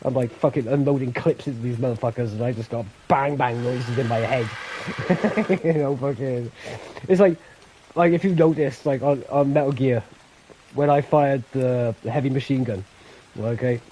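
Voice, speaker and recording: A man's voice: mid-range voice, normal speed, mellow, breathy edge, rough recording. Laughing, swearing gamer man. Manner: swears a lot, laughs often, mimics gun noises. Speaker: gaming co-op player. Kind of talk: casual gaming chat.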